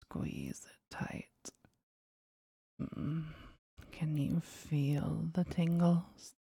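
A woman whispers close and breathy, her low voice husky with gravelly fry. She takes her time over every word in a teasing, commanding way. The sound is intimate and dry. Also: fairly even intonation, drawn-out words, dark tone, dry recording. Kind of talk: whispered intimate ASMR roleplay.

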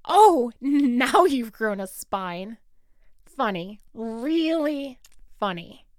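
Woman playing a snarky, animated high-pitched school bully girl. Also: drawn-out words, dry recording, clean studio sound, exaggerated voice. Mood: mocking, menacing. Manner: taunting, sarcastic, theatrical drawl with swooping emphasis. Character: snarky, hot-tempered school bully girl, grudgingly softening. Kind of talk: one-sided audio role-play.

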